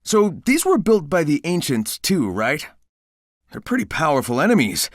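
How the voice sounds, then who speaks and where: Sonic, a lively youthful hedgehog hero. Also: male voice, on the high side, normal speed, no echo, studio quality. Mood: breezy, confident. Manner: breezy, casual, confident. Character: cocky, upbeat, caring young male cartoon hedgehog hero. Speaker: video game voice actor. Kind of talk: video game character dialogue.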